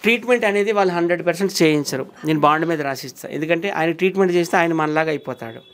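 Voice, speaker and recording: A man's voice: on the high side, rapid-fire. A man speaking as an interview guest, insistently accusing and repeating his points. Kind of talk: heated interview talk.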